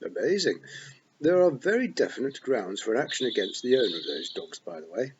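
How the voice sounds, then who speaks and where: A man's voice: mid-range voice, big pitch swings, fairly quick, lo-fi sound, slight background noise, close to an everyday voice. A man voicing a dry, pompous male talking toad in an audiobook. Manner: dry, legalistic, fussy.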